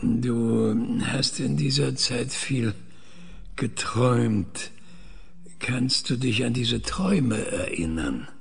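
Slow, husky male researcher, played by an actor. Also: medium pitch, exaggerated voice. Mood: clinical, probing. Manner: measured, deliberate, clinical questioning. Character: male researcher, methodical, probing and controlling. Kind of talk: science fiction audio drama.

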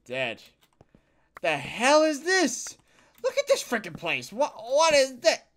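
A man giving casual let's-play commentary as a gaming channel host, thinking out loud with sudden loud exclamations between quiet mutters, a bit tired. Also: very high-pitched, huge pitch swings, takes it slowly, a little hiss or hum. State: yawning, tired.

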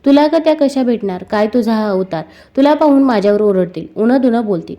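A fretful young palace maid from a storybook tale, as a woman narrator puts her on, talking in a pleading, earnest way. The voice is fairly high and soft, with a mellow tone. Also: expressive, brisk, muffled recording, lightly acted. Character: anxious young palace maid, worried about her mistress.

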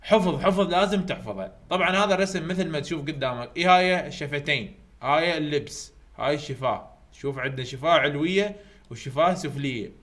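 A man with an Iraqi Arabic accent giving an online university lecture, repeating key points slowly to drill his students. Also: fairly high pitch, lively intonation, a bit bright. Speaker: university English tutor. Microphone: computer mic over weak internet.

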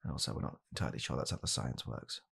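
A young British man, indoors in a small home room, does a hushed, halting, deadpan comedic ASMR roleplay. He plays a bitter, weary father coldly blaming his child.

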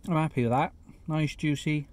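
A man reviewing a fast food burger in a chatty, casual vlog, sometimes talking with his mouth full, sitting in a parked car. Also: fairly high pitch, fairly even intonation. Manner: chatty, eats while talking, self-deprecating asides. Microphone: phone camera.

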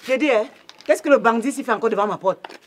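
A woman's voice: a little high, fast, natural voice. An actress playing a stern mother who scolds an intruder. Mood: scolding. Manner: commanding, scolding. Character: stern mother protecting her household.

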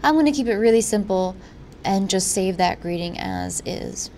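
A woman presenting a software tutorial in an informal, instructional way. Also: medium pitch, expressive, normal speed, creaky, a little hiss or hum. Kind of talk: software walkthrough narration.

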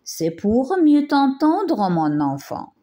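A sly wolf putting on a sweet old grandmother's voice, as a woman reading a tale plays him, pitched up and chuckling. He sounds falsely gentle and slow, a storybook villain in disguise. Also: big pitch swings, heavily acted.

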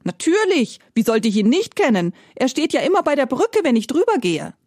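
A woman's voice: high voice, big pitch swings, brisk, darkish tone, no echo, studio quality, voice pushed up. A woman voicing a simple-minded male farmer who talks in a folksy, exclaiming way. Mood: naive.

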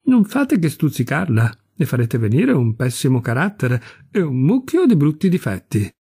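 A man reading aloud voices a distracted aristocratic mother who speaks slowly and indifferently. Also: mid-range voice, wildly swooping pitch, mellow, husky, no echo, clean studio sound, exaggerated voice. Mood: languid. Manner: slow, indifferent.

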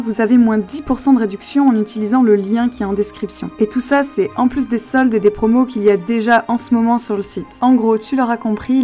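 A young woman vlogging chattily outdoors while exploring an abandoned place, often dropping to a hushed voice. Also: on the high side. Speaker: urbex vlogger. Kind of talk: casual vlog narration with sponsored segment.

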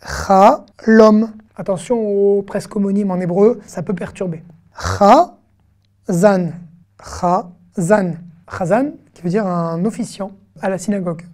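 Warm-voiced woman teaching a lesson. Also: mid-range voice, fairly quick, hardly any pauses. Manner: explains patiently, often drawing out syllables to model pronunciation; frequent fillers and restarts, friendly conversational asides. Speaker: Hebrew teacher. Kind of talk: online language lesson.

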